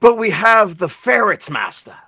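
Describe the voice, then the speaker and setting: A fawning, fanatical minion of a dark lord, played by a man, with a high, wildly swooping, gravelly voice. He drags his words slowly and snarls. The sound is dry and close. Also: sing-song, full character voice.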